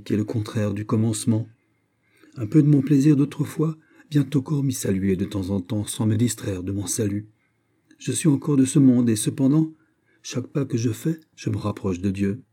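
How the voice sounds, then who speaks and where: In an audiobook reading, a man voices Aramis, an aging bishop who is subtle and wary. His delivery is smooth, probing and mildly ironic, and his voice sits on the low side with a warm tone.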